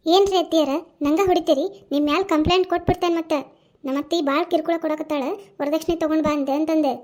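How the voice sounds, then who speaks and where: A woman's voice: sits high, steady tone, quick pace, a little mellow, lightly acted. A woman voicing a quarrelsome young daughter-in-law in a cartoon, with a North Karnataka accent and a taunting, indignant way of talking. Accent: North Karnataka Kannada. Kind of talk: cartoon voice acting.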